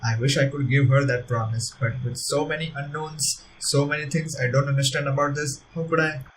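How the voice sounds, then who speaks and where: A man's voice: a little high, steady tone, brisk, a bit bright, slight background noise. Man reading a story game aloud, a bit distant. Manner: earnest reading, with laughing asides. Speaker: let's-play narrator.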